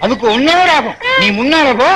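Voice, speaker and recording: A man's voice: very high-pitched, expressive, fairly quick, low-quality recording. An actor playing a hot-tempered, easily confused male office boss in a film comedy, firing back exasperated retorts. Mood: bantering. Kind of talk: Tamil film comedy dialogue. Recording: film soundtrack with background noise.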